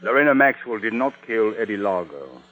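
An actor playing a stern middle-aged police chief who speaks in a formal, measured way. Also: male voice, on the low side, big pitch swings, fairly bright tone. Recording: tinny old radio broadcast.

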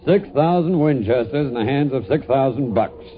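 Tinny phone-like old radio, man playing a gruff army general, blunt, commanding, mid pitch. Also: animated, moderate pace, slight background noise, lightly acted. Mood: stern, warning. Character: gruff, stern middle-aged army general. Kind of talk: old radio drama acting.

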